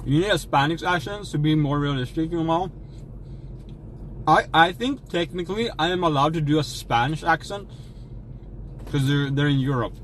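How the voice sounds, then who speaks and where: A young man hosts a relaxed livestream, joking along in a folksy fake American drawl. His voice sits a little high for a man. A faint hum of noise runs under his talk. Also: moderate pace, pauses often, poor audio. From Sweden. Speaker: streamer. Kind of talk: casual livestream chat while eating.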